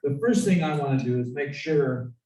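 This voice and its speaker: A man's voice: medium pitch, expressive, normal speed, dark tone. A man at a club meeting giving a recap of an event and thanking sponsors, in a slightly rambling way. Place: meeting room. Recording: roomy, distant with clear noise.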